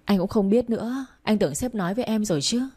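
A woman's voice: mid-range voice, fast, mellow, breathy edge, natural voice. A woman voicing a friendly, helpful male assistant who speaks plainly. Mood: informative.

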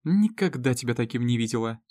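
A man voicing Lizzie, a caring, sharp-tongued woman, in a raised, teasing and scolding voice. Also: medium pitch, animated, brisk, dry recording, studio quality, lightly acted. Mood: chiding, caring.

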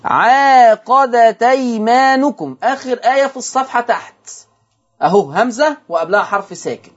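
A man with an Egyptian Arabic accent hosting a televised lesson on Quran recitation. He slowly chants and repeats example words from the verses. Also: high-pitched, lively intonation, breathy edge, lo-fi sound. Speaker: host and Quran recitation teacher. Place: television studio.

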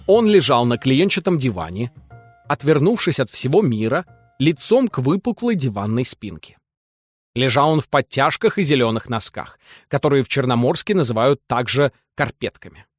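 A man narrating a literary novel as an audiobook, in a lively, ironic storytelling manner. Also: medium pitch, dry recording.

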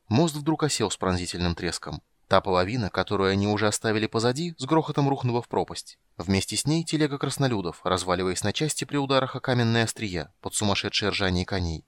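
A man giving steady, dramatic audiobook narration. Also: lowish voice, no room sound.

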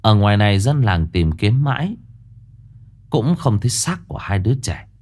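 Guy telling a ghost story, lowish voice, super animated, faint music behind. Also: moderate pace. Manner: dramatic, expressive storytelling.

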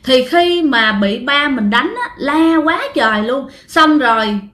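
Brief: chatty woman narrating a ghost story, high voice, echoey room. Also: lively intonation, slow, a bit bright. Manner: chatty, addresses listeners directly.

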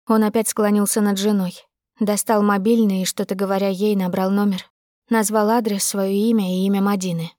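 A woman's voice: medium pitch, level tone, a little fast, warm tone, no echo, studio quality. Woman narrating a tense audiobook. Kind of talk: scripted first-person narration.

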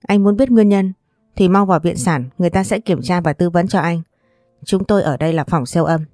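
A woman's voice: fairly low pitch, fairly quick, warm tone, no echo, clean studio sound, faint music behind, close to an everyday voice. A woman voicing a brusque young nurse in a story, giving curt orders.

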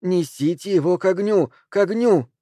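A man's voice: medium pitch, lively intonation, unhurried, a little mellow, no echo, studio quality, close to an everyday voice. A man doing an incanting witch woman. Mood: urgent. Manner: insistent, incanting. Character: seductive commanding witch woman.

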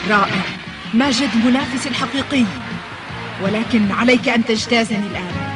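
A woman voicing a confident, competitive young boy footballer in an animated series, bold and rallying. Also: on the high side, brisk, lightly acted. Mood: confident challenge. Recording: loud music under the voice. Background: loud music.

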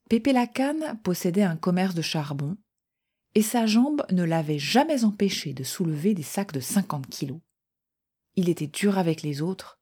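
A woman calmly reading a first-person short story aloud in a measured voice. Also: fairly low pitch, breathy edge.

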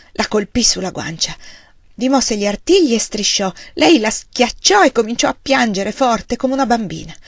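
A woman narrating a novel aloud in a calm, steady reading voice. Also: medium pitch, no room sound, studio quality. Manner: calm, steady, rising tension in dramatic passages. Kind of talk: audiobook reading.

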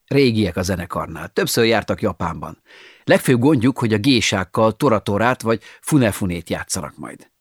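A man's voice: fairly low pitch, lively intonation, slightly rough, dry recording, studio quality. A man narrating an audiobook in a wry, ironic storytelling manner, with sighing asides.

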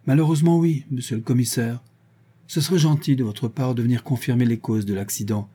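A man's voice: medium pitch, steady tone, a little fast, warm tone, husky, lightly acted. A man reading an audiobook, voicing a young bourgeois widow who talks in a dry, level tone. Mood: composed. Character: widowed young bourgeois wife, cool and composed.

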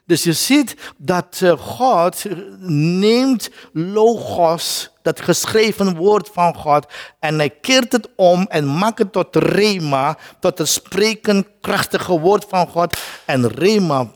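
A man preaching a sermon in a fairly high, swooping voice, slow and deliberate. He stumbles over repeated words between bursts of drama, and the hall carries a long echo. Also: expressive. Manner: repeats words while searching, dramatic shifts in pitch and pace for quotes. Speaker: pastor.

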